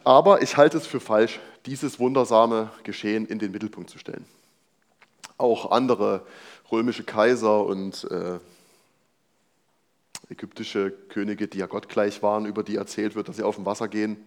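A man's voice: fairly low pitch, steady tone, normal speed. A young man preaching a sermon, reading a Bible passage and explaining it in a casual, conversational way with rhetorical questions.

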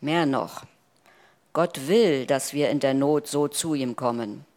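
A man preaching a sermon in a solemn, measured way with dramatic pauses. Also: mid-range voice, a little mellow.

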